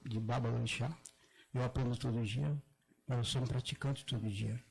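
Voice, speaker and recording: An older man from southern Brazil speaks at a public gathering. His mid-pitched voice is gravelly, and he talks haltingly, restarting often and drawing out certain words slowly. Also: fairly even intonation, a little mellow, poor audio. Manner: halting, many restarts, drawn-out demonstrated words. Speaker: Afro-Brazilian religious elder speaking at a gathering. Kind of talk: public talk, explaining pronunciation.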